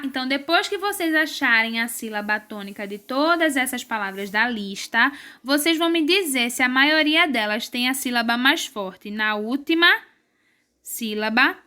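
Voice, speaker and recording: A woman teacher with a Brazilian Portuguese accent and a high, bright voice guides young pupils through an exercise. She explains patiently, step by step, and draws syllables out slowly whenever she stresses a word. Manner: slow, drawn-out syllables when stressing words. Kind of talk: recorded remote class lesson.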